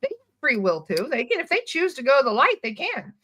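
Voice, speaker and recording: A woman talks as a hypnotist and spirit release practitioner in a casual interview. Her voice sits high and sounds bright and forceful. She tells stories with animation, acts out quotes and swears offhandedly. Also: huge pitch swings, brisk.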